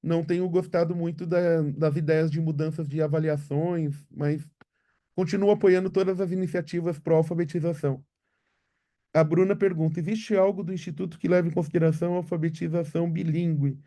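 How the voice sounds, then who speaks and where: With a Brazilian Portuguese accent, a man who researches literacy takes viewer questions in a live webinar. His voice is a little high and warm, and he explains things patiently, often closing his points with tag questions.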